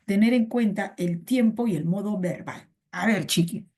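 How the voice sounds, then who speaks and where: A woman's voice: mid-range voice, moderate pace, darkish tone. A woman teaching a pre-university reading class online, chatty and repeating her points to students. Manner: chatty, repeats phrases, calls students "chiqui".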